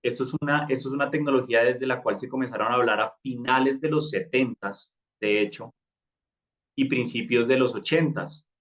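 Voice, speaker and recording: A man's voice: mid-range voice, normal speed, a bit bright, dull audio. A man explaining a topic in a live online class, with frequent fillers and restarts. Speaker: crypto course instructor.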